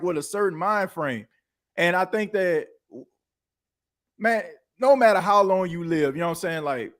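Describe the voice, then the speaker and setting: Rambling man in his thirties, fairly high. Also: a bit bright. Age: 30s. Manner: rambling, leans on the filler "you know what I'm saying" and restarts. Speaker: podcast host. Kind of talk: casual chat.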